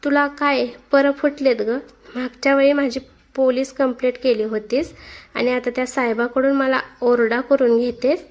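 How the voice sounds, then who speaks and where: A woman voicing a menacing young male thug who speaks crude threats in a low, hard voice. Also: level tone, normal speed.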